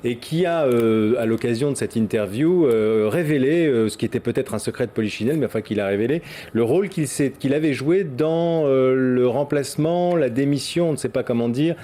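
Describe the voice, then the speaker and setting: A male news anchor with a mellow, warm voice, presenting in the studio. He speaks in a measured way and pauses with fillers between phrases. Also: mid-range voice.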